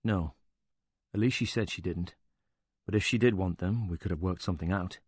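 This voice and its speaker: A man voicing a bitter, quick-tempered older widower who talks with indignant sarcasm and swears freely. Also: low-pitched, slightly rough, no room sound.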